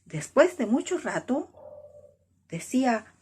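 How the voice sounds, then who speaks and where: Husky, lively woman telling a children's story. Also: high voice. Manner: slow and expressive, with whispered asides. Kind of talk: expressive storybook reading for children.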